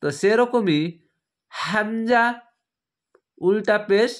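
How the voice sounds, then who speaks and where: A man teaching Quran letter pronunciation, spelling out each letter slowly and deliberately in a lesson. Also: high voice. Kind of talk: slow recitation lesson.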